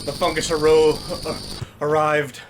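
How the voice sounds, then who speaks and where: A YouTuber reacting to horror videos talks while riding an exercise bike, a little out of breath, in a fairly high voice at a slightly slow pace. He animatedly reads on-screen text aloud and then responds to it. There's some faint hiss or hum.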